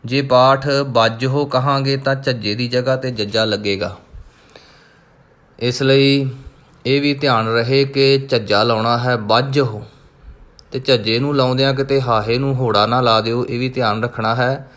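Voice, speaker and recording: A man teaching how to pronounce sacred verses, chanting each line slowly and then explaining the right sounds. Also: mid-range voice, fairly even intonation, a bit bright. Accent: Punjabi. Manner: recites verses slowly, then corrects pronunciation. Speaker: teacher of scripture pronunciation. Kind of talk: slow recitation lesson.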